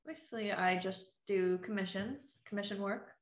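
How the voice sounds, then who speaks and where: A woman's voice: mid-range voice, normal speed, reverberant. A woman guest on a podcast, telling stories in a laid-back chat and often trailing off mid-sentence. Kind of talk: casual chat.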